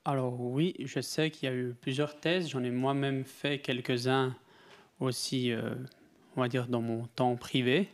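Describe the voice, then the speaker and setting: Man, monotone, mid pitch, tentative unscripted panel answer. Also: measured pace.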